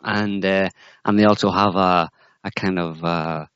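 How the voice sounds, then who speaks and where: A man's voice: low-pitched, steady tone, measured pace, fairly bright tone, clean tone, dry recording. A man co-hosting a political discussion, talking in a rambling, hesitant way with many restarts. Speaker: co-host. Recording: muffled dry audio.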